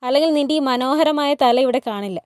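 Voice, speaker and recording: Lady doing a stern palace servant guy, curt and threatening, high voice, dry. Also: fast talker, clear, resonant tone, dry recording, close to an everyday voice.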